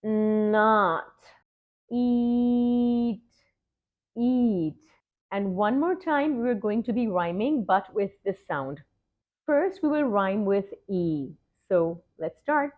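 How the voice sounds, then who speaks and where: A woman teaching phonics, slowly modelling sounds and words and repeating each one twice. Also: medium pitch, big pitch swings. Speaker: reading tutor. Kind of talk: phonics lesson mixing Hindi and English. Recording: tinny phone-like sound.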